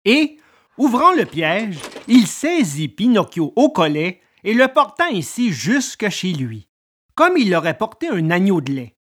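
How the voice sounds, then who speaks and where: A woman reading a children's story aloud in an expressive, dramatic manner. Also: mid-range voice, a little slow, breathy edge.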